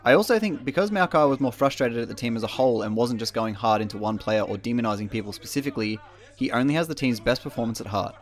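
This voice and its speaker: A man delivers scripted commentary at a fast clip. His pitch sits in the middle range, and he presents his views as a video narrator. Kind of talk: scripted narration giving opinion.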